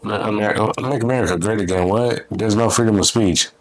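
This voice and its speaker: Chill podcast co-host guy, low voice w lots of fry, mostly short reactions. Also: steady tone, brisk. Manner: laid-back, reacts with short agreeing remarks. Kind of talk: casual chat.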